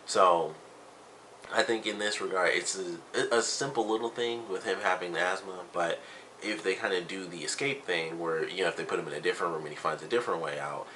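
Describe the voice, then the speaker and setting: A man with a deep voice and a bright, slightly tense edge talks through his thoughts on a TV episode. His delivery is loose and conversational, packed with fillers as he circles back to his points. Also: brisk, slight background noise, rough recording. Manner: rambling, full of "you know" and "like". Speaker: TV episode reviewer. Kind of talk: casual spoken review.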